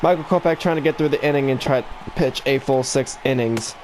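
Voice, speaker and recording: A man with the hiccups narrates a baseball video game in a mock broadcaster voice, building excitement on the big plays. His pitch sits in an ordinary middle range. A faint hum of background noise lies under the recording. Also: a little fast. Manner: broadcaster-style play-by-play delivery, rising excitement on big plays. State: has the hiccups. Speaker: gaming YouTuber.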